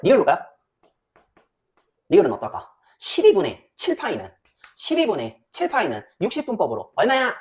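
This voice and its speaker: A woman math teacher lecturing a class in a very animated voice. Her pitch swings widely from line to line. She keeps firing quick questions at the students and mutters to herself as she calculates.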